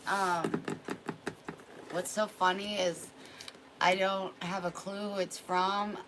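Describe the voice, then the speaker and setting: Low-voiced woman chatting candidly. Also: noisy background. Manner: candid, rambling, confiding. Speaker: vlogger. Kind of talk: casual chat to camera. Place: at home.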